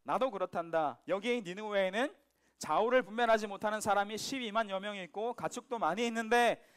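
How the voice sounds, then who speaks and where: A preacher voicing God, tenderly pleading. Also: male voice, high voice, a little fast, clear, resonant tone. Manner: gentle, pleading questions.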